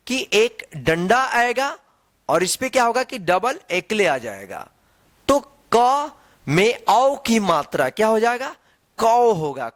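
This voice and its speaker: A man with a high, animated voice leads a writing lesson. He explains each vowel sign step by step, and his voice swings up and down as he checks that his students are following along. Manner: patient, repetitive, checks in with "theek hai na". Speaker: Hindi teacher. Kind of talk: whiteboard lesson explaining Hindi vowel signs.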